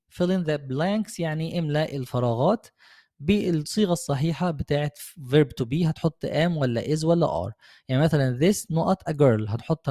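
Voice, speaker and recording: A young man with an Egyptian Arabic accent teaching an English lesson, patient and encouraging, with slow repetition. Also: fairly high pitch, warm tone. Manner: patient, encouraging, repeats slowly. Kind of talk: online language lesson.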